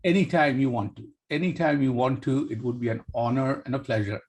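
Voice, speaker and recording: A man's voice: medium pitch, a little fast, a little mellow, breathy edge. A man hosting a podcast interview, asking questions in an encouraging way. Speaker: podcast host.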